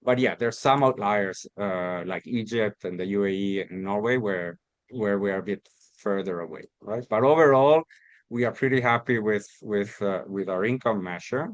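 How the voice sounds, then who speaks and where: A man's voice: on the low side, moderate pace, no echo. A man from Costa Rica giving an academic research talk, explaining step by step with many restarts and repeated words. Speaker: academic presenter.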